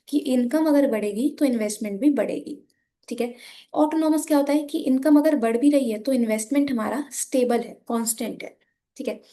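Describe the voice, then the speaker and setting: A young Indian woman with a hoarse, sore voice, patiently teaching an economics lesson while drawing graphs and speaking softly. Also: high voice. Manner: patient, repeats "ठीक है" often, switches between Hindi and English.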